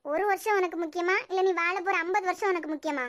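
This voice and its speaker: A woman's voice: very high-pitched, steady tone, fast, fairly bright tone, pitched below the performer's own voice. A woman voicing a blunt, protective young friend in a cartoon series, lecturing firmly with a Kanyakumari Tamil accent. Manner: firm, lecturing.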